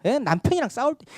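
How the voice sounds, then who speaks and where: In a church sanctuary, a male pastor with a very high-pitched voice preaches an animated Sunday sermon, calling for amens and having the congregation repeat after him. The recording is studio quality with no room sound.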